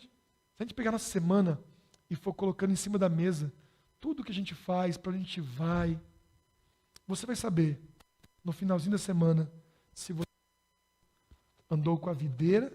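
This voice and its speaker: A man's voice: high voice, dark tone. A Brazilian man preaching a sermon as pastor, speaking in a conversational, humorous way and rising in emphasis on key points. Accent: Brazilian Portuguese.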